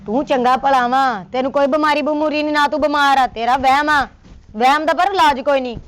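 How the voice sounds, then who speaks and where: Punjabi woman, high pitch, sharp scolding wife in a comedy skit. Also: fairly quick. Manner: scolding, sharp-tongued, nagging. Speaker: comic actor as a scolding wife. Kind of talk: Punjabi comedy sketch acting.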